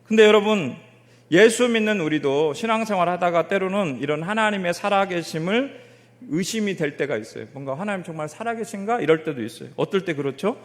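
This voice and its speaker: Male pastor, high voice, tells stories in his sermon and keeps asking the pews questions; long church reverb. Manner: lively storytelling, asks the congregation questions. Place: church during a Sunday afternoon service.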